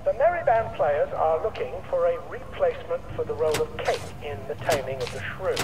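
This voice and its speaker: An actor playing a stiff military base announcer, heard over a loudspeaker with a formal, clipped delivery. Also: male voice, on the high side, expressive, fairly quick, very noisy. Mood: announcing.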